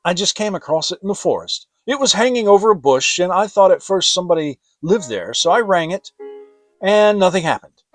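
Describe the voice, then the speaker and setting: Loud, pompous old-fashioned storybook owl. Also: male voice, high voice, expressive, no room sound, soft background music, pitched above the performer's own voice. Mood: breezy, loud. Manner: emphatic, lecturing, drawn-out words. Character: pompous, loud, long-winded male owl.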